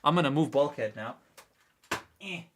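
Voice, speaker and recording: Still slightly stuffed up from a cold, this toy review streamer chats casually with viewers as he builds a kit, rambling and filling pauses often. He talks at normal speed in an animated, high-leaning voice, picked up by a nearby desk mic with a little hiss or hum.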